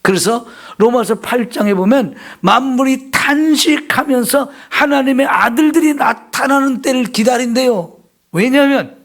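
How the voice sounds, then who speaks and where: High-voiced man preaching a sermon. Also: a bit bright. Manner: emphatic preaching, acts out confessions in raised voice. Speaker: pastor. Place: church.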